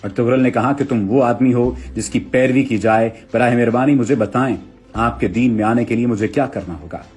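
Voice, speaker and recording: Man, narrator, formal steady storytelling, husky breathy voice, middle pitch. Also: a little fast, soft background music. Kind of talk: scripted narration.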